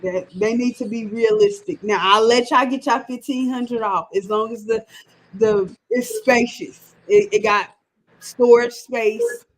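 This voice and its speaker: A woman's voice: fairly high pitch, steady tone, measured pace, low-quality recording. A woman in her thirties chatting casually on a sports show, ranting with emphatic repetition. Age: 30s.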